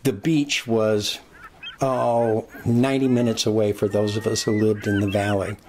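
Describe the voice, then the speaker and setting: Fond, low-voiced man in his sixties. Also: level tone, measured pace, darkish tone, a little hiss or hum. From Glendale, California. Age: 60s. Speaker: interviewee. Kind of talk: reminiscing documentary interview.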